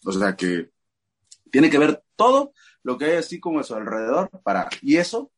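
A middle-aged Mexican man with a Mexican Spanish accent, a father telling an animated story as a guest in a casual chat. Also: fairly high pitch, normal speed, slightly rough. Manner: animated storyteller acting out quoted voices.

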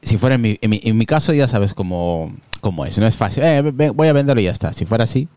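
A man's voice: on the low side, lively intonation, fast, darkish tone, no room sound, clean studio sound. A man hosting a casual tech chat from his hot living room at home, teasing his co-hosts. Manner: teasing, joking banter. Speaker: podcast host. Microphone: computer with a phone camera on a video call.

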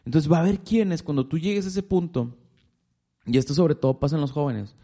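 A man's voice: a little high, fairly quick. A man hosting a casual faith chat, telling stories and acting out quotes. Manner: animated storyteller, acts out quotes.

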